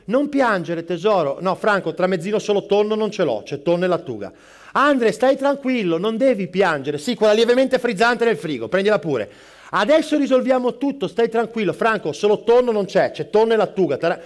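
A man on stage playing a frazzled middle-aged barista who rattles off rapid replies to customers and phone calls, swearing under his breath. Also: high-pitched. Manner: rapid-fire, juggling customers and calls, snapping asides. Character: frazzled middle-aged male barista, harried and foul-mouthed. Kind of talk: live stand-up character sketch. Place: live stage performance.

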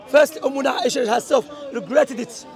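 A man from Algeria preaching in a street debate, talking forcefully and mixing English with Arabic quotations. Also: very high-pitched, moderate pace, a faint crowd. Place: outdoors at a public speaking corner.

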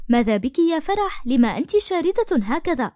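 Woman doing a caring adoptive mother, tender, gentle, cartoon storybook, lively lilting voice, dry sound. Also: sits high, fairly quick, dry recording, voice pushed up.

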